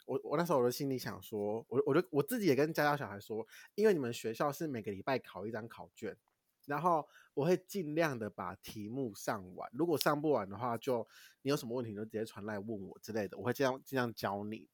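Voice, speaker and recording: Lively fast-talking young man. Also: mid-range voice, no room sound, studio quality. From Taiwan. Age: young adult. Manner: animated, swears casually, laughs while telling. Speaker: podcast co-host. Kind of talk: casual storytelling chat.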